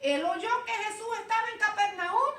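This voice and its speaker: High-voiced woman preaching. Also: moderate pace, over a noisy crowd. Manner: animated, acts out Bible voices, calls listeners "hermano". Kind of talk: informal sermon. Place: church. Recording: echoey room, heard from a distance.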